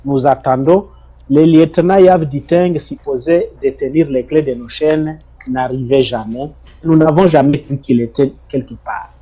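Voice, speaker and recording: A man's voice: fairly high pitch, unhurried, warm tone, slightly rough. A middle-aged man from Congo, giving emphatic testimony in an interview and often repeating his words. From Congo (DRC). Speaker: interview guest, former detainee.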